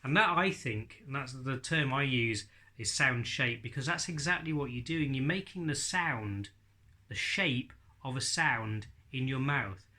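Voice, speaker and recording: A man in his forties teaches in an informal, explanatory way. His voice is bright and forward, sitting at a middling pitch. He breaks speech down into single sounds as he demonstrates. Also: unhurried. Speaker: ventriloquism teacher. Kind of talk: informal spoken tutorial. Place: living room with bookshelves and leather sofa.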